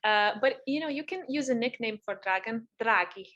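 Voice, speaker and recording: A woman's voice: fairly high pitch, expressive, moderate pace, fairly bright tone, dull audio. A young woman from Serbia co-hosting a podcast in casual chat, hesitant, with many fillers and "right?" tags. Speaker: podcast co-host.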